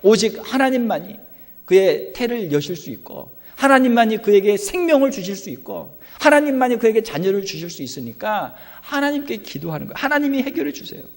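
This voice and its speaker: Animated preacher in a reverberant church. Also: male voice, high voice, a little fast. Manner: conversational, animated preaching with rhetorical questions. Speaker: pastor. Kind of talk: sermon. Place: church sanctuary.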